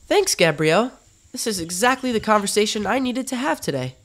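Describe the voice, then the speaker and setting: A woman's voice: mid-range voice, lively intonation, a little fast, lightly acted. A woman voicing an anxious but brave young boy in a comic dub, earnest and hesitant. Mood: friendly.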